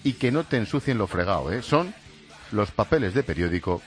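A man's voice: fairly low pitch, very animated, fairly quick, soft background music. A man hosting a radio show, talking straight to the listener in a conversational way. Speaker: radio host.

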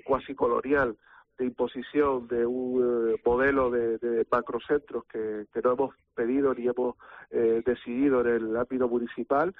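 Formal man over a tinny phone line. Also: medium pitch. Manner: measured, formal, many hesitations. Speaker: deputy mayor interviewed by phone. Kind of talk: phone interview on radio.

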